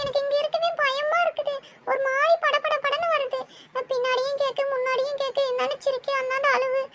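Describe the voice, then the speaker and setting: A woman voicing a frightened young village woman in a cartoon, pleading and rushed. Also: extremely high pitch, fairly bright tone, slight background noise. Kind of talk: cartoon voice acting.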